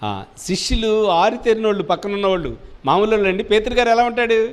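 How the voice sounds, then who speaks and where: A pastor preaching a sermon with call-and-response and sudden loud cries. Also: male voice, sits high, very animated, fast, clear, resonant tone. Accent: Telugu.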